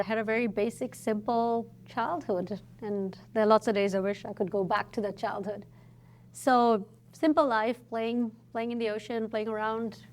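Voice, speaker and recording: Podcast guest from Fiji: middle-aged woman, mid-pitched, thoughtful storyteller, faint hum behind. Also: darkish tone. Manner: reflective, storytelling, thoughtful pauses. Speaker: entrepreneur guest. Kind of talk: casual podcast interview.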